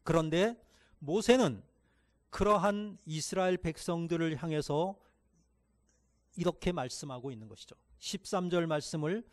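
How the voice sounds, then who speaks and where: A man preaching a sermon as pastor, reading scripture aloud with slow emphasis and leading the congregation in reading together, with quiet asides between passages. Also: fairly high pitch.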